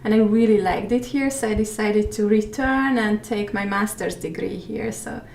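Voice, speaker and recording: A woman in her thirties from Hungary, a guest in a casual interview, reflective and soft-spoken, often trailing off quietly. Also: mid-range voice, moderate pace, creaky, a little hiss or hum. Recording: echoey room, mic at a distance.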